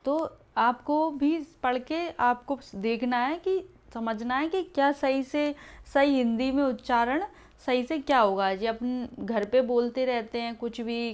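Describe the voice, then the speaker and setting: A woman's voice: fairly high pitch, darkish tone, smooth. A woman teaching Hindi grammar for an exam, explaining each answer step by step and checking in with "ठीक है" after each point.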